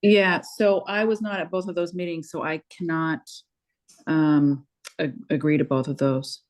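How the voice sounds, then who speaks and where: A woman's voice: low voice, fairly even intonation, normal speed. A woman on a town committee, explaining carefully why she can't vote. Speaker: committee member.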